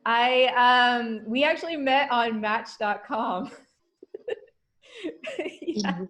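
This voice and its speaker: A woman's voice: a little high, extremely slow, pauses often, fairly bright tone, poor audio. A middle-aged woman doing dry stand-up comedy over a video call, with lots of laughing and filler words. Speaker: comedian guest.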